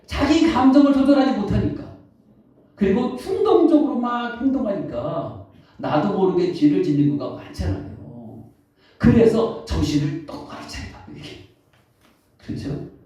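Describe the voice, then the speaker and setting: A man preaching a sermon as pastor, questioning the congregation and answering himself, reading scripture slowly. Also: high-pitched, mellow. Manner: reads scripture slowly and deliberately. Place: church sanctuary. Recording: echoey hall, distant, dull mic.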